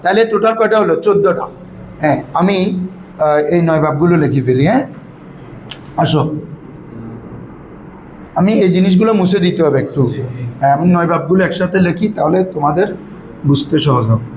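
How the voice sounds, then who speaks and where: A man's voice: fairly high pitch, brisk, long pauses, a little mellow. A man teaching an Arabic grammar lesson to students, prompting them to repeat answers back in call-and-response style. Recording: echoey room with background noise.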